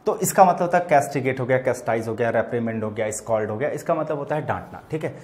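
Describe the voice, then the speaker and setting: Guy teaching english words in hindi, keeps saying theek hai, drags out the examples slow. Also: medium pitch, a little mellow. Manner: addresses students as bachelors "bachche", repeats "theek hai" often; stretches out words and example sentences slowly. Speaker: vocabulary teacher. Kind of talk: classroom vocabulary lesson.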